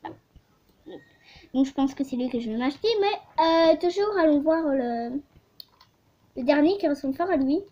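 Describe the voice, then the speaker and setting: A woman's voice: high voice, normal speed, long pauses, dark tone, dull audio. A young woman chatting over her gameplay, giggly, trailing off, and complaining that she is losing her voice. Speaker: gaming vlogger. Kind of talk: casual gameplay commentary.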